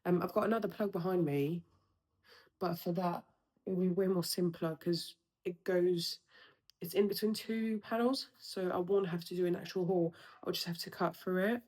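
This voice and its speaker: A woman's voice: lowish voice, moderate pace, a little mellow, low-quality recording. A young woman chatting casually through her own home renovation, explaining each step with lots of ums. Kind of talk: casual DIY home vlog. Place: room in her house under renovation, indoors.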